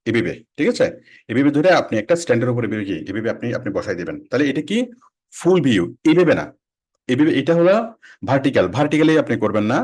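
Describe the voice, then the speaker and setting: A man teaching a casual online class, quick and conversational, repeating and restarting phrases. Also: medium pitch, a little mellow. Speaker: freelancing instructor.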